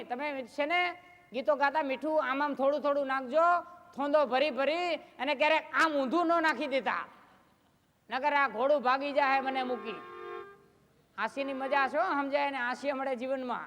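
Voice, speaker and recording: Man, high voice, live comic storyteller, long hall reverb. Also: steady tone, normal speed, fairly bright tone. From Gujarat, India. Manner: chatty anecdotal storytelling, acting out neighbours' questions. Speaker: folk comedy storyteller. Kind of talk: live stage comedy storytelling. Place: live stage show.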